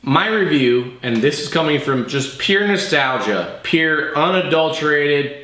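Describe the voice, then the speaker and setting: A man's voice: fairly high pitch, animated, a little slow, bright, forceful tone, slight background noise. Sweary, slangy man in an echoey room. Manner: profane, slangy fan enthusiasm. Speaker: co-host of a movie review show. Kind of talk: casual review chat.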